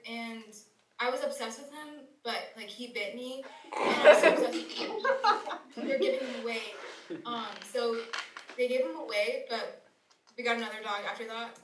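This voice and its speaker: A woman's voice: on the high side, steady tone, normal speed, reverberant, distant mic, noisy background. A teenage girl on a casual podcast, hesitant and laughing, with many fillers. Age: teens. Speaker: podcast co-host. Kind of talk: casual group chat.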